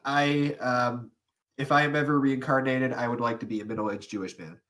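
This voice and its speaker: Young guy podcasting, rambly, lots of ums and restarts, normal mid pitch. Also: steady tone, moderate pace, fairly bright tone. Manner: rambling, many fillers and restarts, laughs often. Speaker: podcast co-host. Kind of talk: casual chat.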